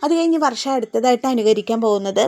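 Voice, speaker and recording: A woman's voice: fairly high pitch, animated, darkish tone. A woman casually retelling a TV serial episode, with many hesitation fillers. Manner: rapid storytelling with frequent hesitation fillers. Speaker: serial recap vlogger.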